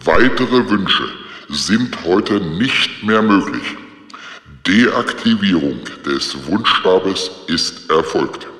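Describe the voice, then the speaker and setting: A man's voice: lively intonation, drawn-out words, a bit bright, heavily acted. A man voicing a magic wishing wand that makes formal, official announcements. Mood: stern. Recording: booming echoey hall reverb.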